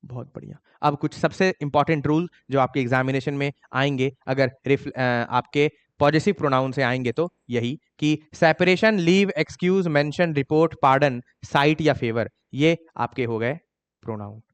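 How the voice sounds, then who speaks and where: A man with an Indian accent teaching an exam-prep grammar lesson. He reads English examples slowly and scolds students for their mistakes. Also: smooth, in a large hall. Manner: scolding, mocks students' excuses in a higher voice.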